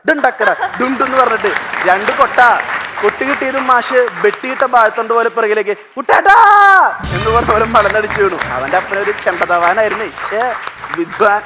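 Fast-talking young man. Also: high-pitched, crowd noise, noisy background. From Thrissur, Kerala. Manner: rapid, animated storytelling with mimicked voices. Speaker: stand-up comedian. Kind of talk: stand-up comedy routine on stage. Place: TV studio stage. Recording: stage mic with music and audience. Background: music and a live audience.

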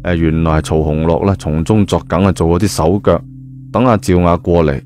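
Here a low-voiced man speaks a little fast with fairly even intonation and a slightly mellow tone. He tells a novel's story colloquially in a Cantonese accent, dropping frequent spoken particles as music plays in the background.

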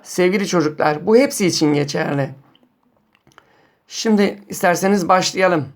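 A man teaching a primary school lesson on poetry, reading poems slowly and quizzing pupils by name. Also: sits high. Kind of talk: classroom lesson.

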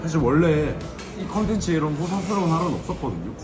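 A man's voice: on the high side, animated, fast. A young man chatting casually with his mouth full, chewing as he talks, at a hotel buffet. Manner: chatty, confiding. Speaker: food vlogger. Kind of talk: casual chat while eating. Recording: loud background music.

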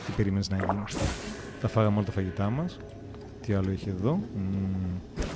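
A man streaming a game live, joking and talking to himself and the game as he plays. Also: low voice. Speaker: gameplay streamer. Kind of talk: live gameplay commentary. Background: game music.

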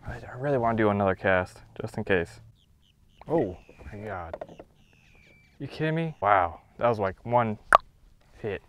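This young fishing vlogger speaks unhurriedly and animatedly from his kayak, his voice on the low side, with long pauses. He chats casually to himself and the fish, laughing now and then, as a mounted action camera records him over background noise on the open lake.

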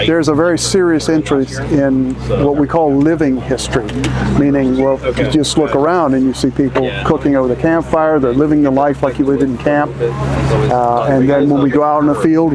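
An older man, a retired professor and reenactor, explaining his hobby in a measured way with pauses and fillers at an outdoor camp. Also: fairly high pitch. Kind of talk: interview at an outdoor event.

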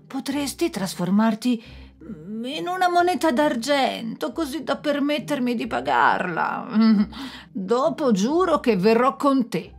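A woman's voice: high-pitched, animated, a little slow, gravelly, pitched above the performer's own voice, heavily acted. A woman voicing a sly, hard-drinking trickster man who coaxes and bargains in a storybook tale. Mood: wheedling. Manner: coaxing, wheedling.

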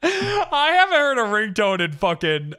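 Animated, high-pitched American man, bright voice. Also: unhurried, smooth. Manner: animated, profane, joking. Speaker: streamer reacting to a video. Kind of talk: casual live reaction commentary. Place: indoor home streaming room.

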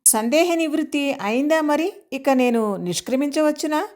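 A man's voice: very high-pitched, animated, moderate pace, a little mellow, voice pushed up. A woman voicing a cheerful, teasing older husband in an audio story. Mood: playful. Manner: jovial, teasing.

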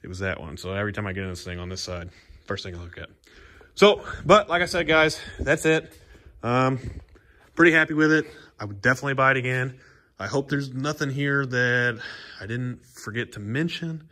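A man's voice: mid-range voice, lively intonation, brisk, sharp tone. A man giving a casual, rambling review of his skid steer from inside its small cab, talking bluntly about what he dislikes.

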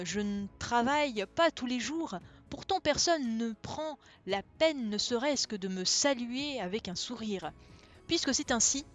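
A woman's voice: a little high, fairly bright tone. A woman reading a fable aloud and voicing a boastful, envious male donkey in a smug, self-pitying tone.

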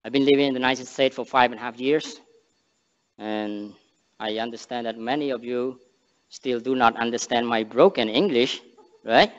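A young man from Cambodia, speaking English with a Cambodian accent, gives an earnest church sermon and prayer, with halting phrasing and frequent restarts. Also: medium pitch. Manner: earnest, halting non-native English with restarts and emphatic rises. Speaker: missionary speaker. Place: large church sanctuary stage. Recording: long church reverb, dull sound.

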